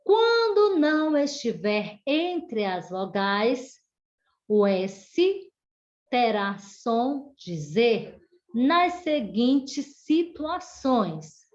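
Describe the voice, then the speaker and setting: A woman's voice: fairly high pitch, big pitch swings, a little mellow. A woman teacher with a Brazilian Portuguese accent, giving an online class to children and dictating word by word. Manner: slow, deliberate word-by-word dictation. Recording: dull lo-fi home video audio.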